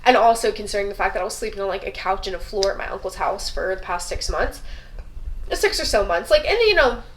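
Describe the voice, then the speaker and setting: A woman's voice: medium pitch, fast talker, low-quality recording. A young woman telling her story in a casual vlog, swearing often and ranting with a lot of feeling. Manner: profane, animated, rants. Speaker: vlogger.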